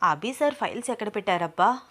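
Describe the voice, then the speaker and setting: A woman voicing a bold, quick-tongued young woman in an audio story, teasing and sharp-spoken. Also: mid-range voice, lively intonation. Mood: curious, playful. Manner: teasing, then sharp and scolding.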